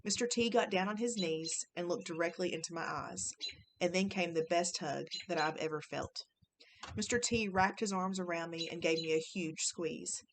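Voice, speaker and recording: A woman teacher reading a children's novel aloud to her class, gentle and expressive. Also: on the low side, normal speed, a little hiss or hum, rough recording.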